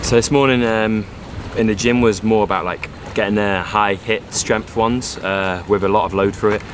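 Playful man with a low voice. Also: steady tone, moderate pace, over music. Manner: playful, chatty and teasing. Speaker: vlogger and athlete. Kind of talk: casual vlog chat.

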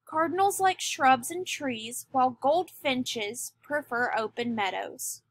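A woman teacher giving a recorded lesson, speaking deliberately and stressing key words. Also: sits high, animated. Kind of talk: recorded classroom lecture.

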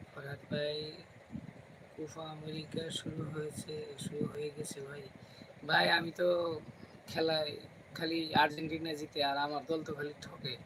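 A man hosting a casual live stream from home at night, speaking quietly so as not to wake the kids and chatting with viewers by name. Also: fairly high pitch. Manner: talks softly, kids asleep nearby. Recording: noisy home recording, fan hum.

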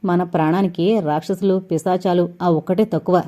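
A woman voicing a sharp-tongued young woman with a wry, dispirited way of talking. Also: fairly low pitch, steady tone, moderate pace, close to an everyday voice.

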